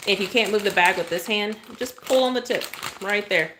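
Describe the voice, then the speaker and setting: A woman's voice: medium pitch, moderate pace, noisy background. A chatty woman, demonstrating cake decorating on a live stream and often thanking her viewers.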